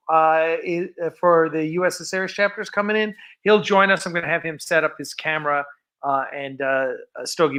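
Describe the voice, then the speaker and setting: Hosting a casual fan production livestream from a film set built as a starship bridge, a man chats in a rambling, informal way. His voice is fairly high and sharp.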